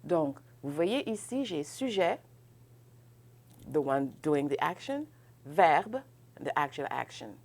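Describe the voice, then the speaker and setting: Low-voiced woman teaching French grammar slowly. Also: very animated, a little mellow. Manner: explains in English, models French phrases with exaggerated rising intonation; checks in often with "ok?", laughs lightly. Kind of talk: bilingual classroom grammar lesson.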